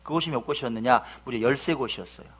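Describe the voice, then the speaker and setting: A male pastor preaching a sermon, telling stories lively and asking then answering his own questions. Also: medium pitch, quick pace, husky.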